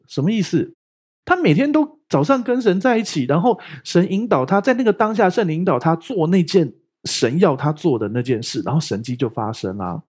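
A man preaches a sermon. His pitch leaps up and down as he jokes and tells stories, and his voice is slightly husky. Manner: playful, joking, animated storytelling. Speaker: pastor. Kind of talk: lively sermon teaching.

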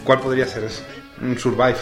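A man's voice: mid-range voice, level tone, moderate pace, fairly bright tone, reverberant, soft background music. A man with a Spanish accent, a podcast guest chatting in an easygoing, agreeable way. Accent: Spain Spanish. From Spain. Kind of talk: casual chat.

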